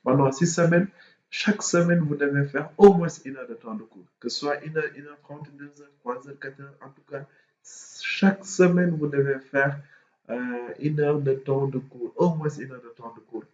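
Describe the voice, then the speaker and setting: Stuffy from a cold, a man whose voice leans high mentors students through procedures in a casual explainer video. His delivery halts often, packed with fillers, repeats, and restarts, and the lo-fi recording sounds dull and echoey, as if in a large room.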